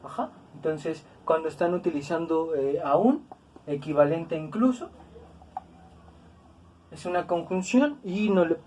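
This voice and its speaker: A woman's voice: low-pitched, lively intonation, unhurried, pauses often, dark tone, distant mic, a little hiss or hum. A woman teaching a grammar lesson, patient and repetitive, with tag questions and fillers. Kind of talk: explanatory lesson.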